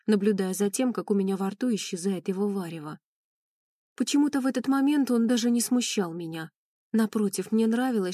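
A woman narrates a first-person audiobook with an emotional, mournful reading. Her voice is mellow and warm, recorded close and dry. She keeps a steady middle pitch. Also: no echo.

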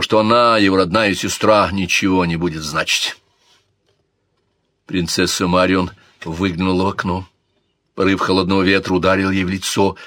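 A man narrating an audiobook with an expressive, theatrical delivery. His voice sits low. The recording is dry and close, with no room sound. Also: no room sound.

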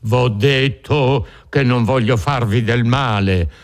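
A man's voice: mid-range voice, takes it slowly. A man reading an audiobook, voicing a feared, wrathful nobleman who speaks in a commanding, scornful way. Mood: stern.

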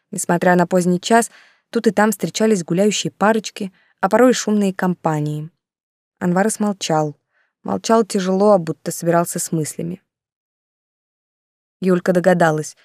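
A woman narrating an audiobook with even, steady storytelling. Her voice is low, and the dry, close recording has no room sound. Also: no echo. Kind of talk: scripted narration.

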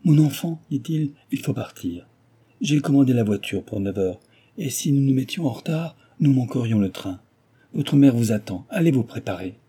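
A man's voice: medium pitch, lively intonation, normal speed, dark tone, husky, pitched above the performer's own voice. A man playing a tender, earnest nobleman. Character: gentle, emotional middle-aged nobleman.

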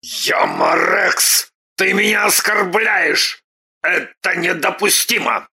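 Woman as proud, gruff male mage baron for a storybook; slow, husky delivery. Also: expressive, sharp tone, exaggerated voice. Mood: haughty. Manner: gruff, arrogant, lowered voice. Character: haughty ancient male baron mage Dirk.

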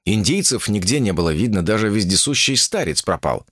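A man narrating an audiobook in an expressive, storytelling manner. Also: fairly low pitch, fairly quick, no echo, studio quality.

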